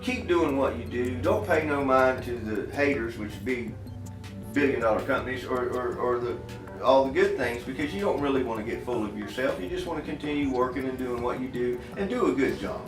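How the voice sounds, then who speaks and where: Speaking fairly quickly at medium pitch, a man from Florida appears as an interview guest; he's an inventor and works in farm irrigation. His manner is earnest, folksy, plain-spoken and emphatic. Faint music plays behind a roomy, distant-mic recording.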